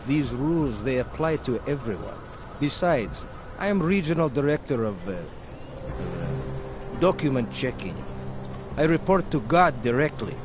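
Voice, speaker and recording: An actor playing a corrupt, officious checkpoint policeman in a video game, with a deadpan, threatening manner. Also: mid-range voice, unhurried. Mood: deadpan menace. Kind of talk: video game character dialogue. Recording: noisy outdoor urban street with vehicles.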